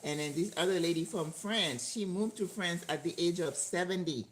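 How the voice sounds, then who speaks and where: An older woman hosts a live cooking stream from her home kitchen, chatting in a low voice at a moderate pace, talking to viewers and laughing often. The kitchen sounds echoey, with faint background noise.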